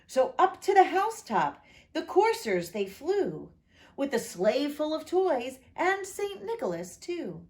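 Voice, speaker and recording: Slow, expressive woman pastor reading aloud. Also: high voice. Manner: expressive, lilting read-aloud delivery; friendly direct address to listeners.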